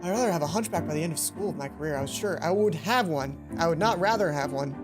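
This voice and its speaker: Game music runs beneath a woman's low, animated, fast voice as she plays through a visual novel. Reading the story with dramatic flair, she performs the characters' lines, trips over words now and then, and casually comments on those mistakes.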